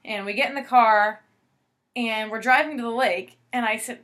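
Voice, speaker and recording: A young woman tells a story in a relaxed, chatty way, full of fillers and acted-out dialogue. Her voice sits somewhat high and sounds bright and forward. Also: normal speed. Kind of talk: casual storytelling.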